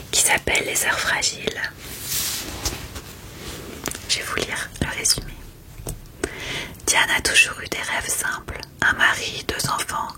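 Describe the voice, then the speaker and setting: Whispering woman in a soft ASMR book chat. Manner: soft library whisper, hushed and unvoiced. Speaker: ASMR creator reviewing books.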